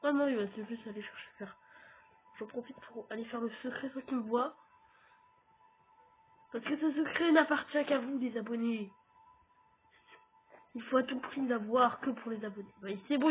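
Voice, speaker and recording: A man with a French accent giving casual let's-play commentary, chatting straight to his viewers as he plays. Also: very high-pitched. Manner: chatty, talks straight to viewers while playing. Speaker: gaming YouTuber. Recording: tinny phone-like audio.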